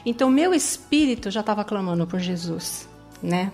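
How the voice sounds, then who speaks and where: Over soft background music, a Brazilian Portuguese-accented woman tells her personal faith story with earnest expression at a normal pace. Her voice is mid-range and a little mellow, and she keeps adding a questioning "né?" to her sentences.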